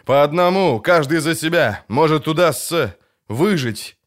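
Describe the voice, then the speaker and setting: A man reading an audiobook, voicing a desperate, cursing male soldier who barks hoarse orders. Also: on the high side, lively intonation, unhurried, pitched above the performer's own voice. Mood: grim.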